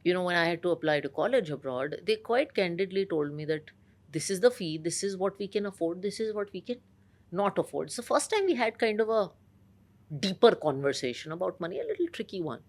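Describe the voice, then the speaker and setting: A woman's voice: on the low side, very animated, fairly quick. A woman with a polished, educated Indian accent, speaking articulately in a conversational interview. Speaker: interview guest.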